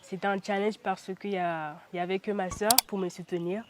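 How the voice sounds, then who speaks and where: With loud music behind her, the same pageant titleholder from the Central African Republic answers interview questions chattily, fairly quickly, in a medium pitch with fairly even intonation. She often says "euh" and laughs occasionally.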